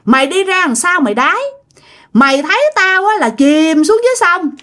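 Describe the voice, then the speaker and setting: A woman voicing the angry, drunken ghost of a man, cursing and accusing in a rapid, shouting rush. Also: very high voice, expressive, pitched above the performer's own voice. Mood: furious.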